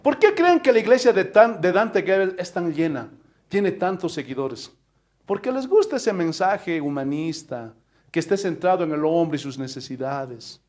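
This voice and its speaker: A man's voice: sits high, very animated, moderate pace, a little mellow. A man, a pastor delivering an impassioned sermon full of rhetorical questions. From Bolivia.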